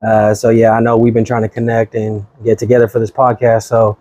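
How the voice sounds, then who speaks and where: A man's voice: on the low side, monotone, brisk, warm tone, highs cut off. A man in his thirties from Sacramento, California, a real estate agent talking as a podcast guest in an easygoing, slangy way. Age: 30s. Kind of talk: casual chat.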